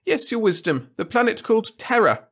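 A man's voice: high voice, very animated, normal speed, a bit bright, husky, pitched above the performer's own voice, exaggerated voice. A man voicing a groveling male alien war lord who whines and pleads with his ruler. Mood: whining. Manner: whining, pleading.

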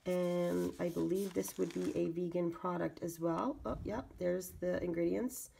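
A woman hosting a casual unboxing video, with a raspy voice congested from a cold, pausing as she reads and comments. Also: fairly low pitch, fairly even intonation, dark tone, slight background noise. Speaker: video channel host. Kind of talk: casual product unboxing narration.

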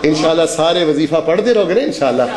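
A man's voice: sits high, normal speed, reverberant, a crowd in the background. A man preaching a Friday sermon, calling on the congregation to repeat after him and chanting verses in a sweeping, rising and falling voice.

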